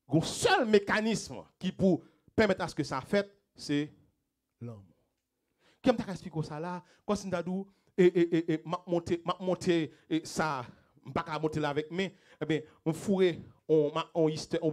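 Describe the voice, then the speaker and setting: A man with a Haitian accent delivers a sermon as pastor, his fairly high voice swelling into loud, emphatic phrases before dropping to quiet, low asides. He repeats himself for effect and keeps asking the congregation rhetorical questions.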